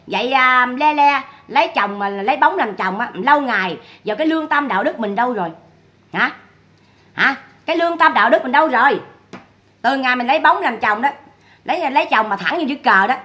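A woman's voice: high-pitched, bright, forceful tone. A woman giving scornful livestream commentary on online drama, firing repeated rhetorical questions.

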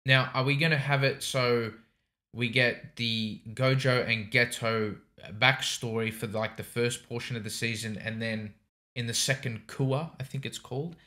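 A young adult man hosts casual reaction commentary from a small home studio, speaking into a mic on a desk boom arm. His medium-pitched voice is bright and forceful with a steady tone, a little slow, and his phrases come out hesitant and rambling.

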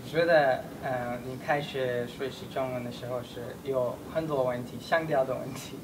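A young foreign man chats in simple, accented Mandarin, pausing often and building broken phrases. His pitch is middling, and the recording is distant, with plain background noise. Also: steady tone. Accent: foreign, non-native Mandarin. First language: not Mandarin. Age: 20s. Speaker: learner of Chinese. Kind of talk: casual conversation in simple Mandarin. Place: small indoor room, seated on a sofa. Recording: distant mic, noisy rumbling room.

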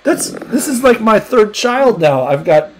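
A dad playing Minecraft with his kids in casual family chat, excitable and gasping often. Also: high voice, unhurried, slight background noise. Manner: excitable, gasps and gushes often.

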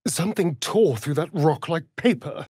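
He's a sardonic, vain elven vampire rogue from a fantasy game, voicing lines in a theatrical way with an English accent. His breathy, close, slightly mellow voice draws words out in an arch, mocking manner, with lively intonation and dramatic swoops in pitch at a moderate pace. The recording is very dry.

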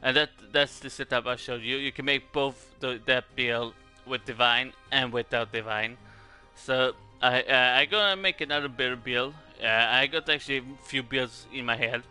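Bright-voiced man with a Swedish accent. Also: mid-range voice, normal speed, smooth, faint music behind. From Sweden. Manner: hesitant, rambling, repeats words. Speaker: gaming video creator. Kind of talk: casual game guide commentary.

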